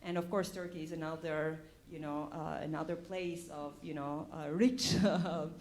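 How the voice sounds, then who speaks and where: A woman's voice: low voice, fairly even intonation, normal speed, a little mellow, a little hiss or hum. A woman in her forties from Albania, a researcher speaking on a panel, hesitant with many fillers. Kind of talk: panel discussion.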